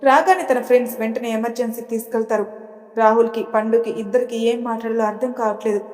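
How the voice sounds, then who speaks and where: A woman storyteller with a fairly high voice narrates a serial drama episode in a steady, dramatic manner. A long reverb trails behind her voice. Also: fast.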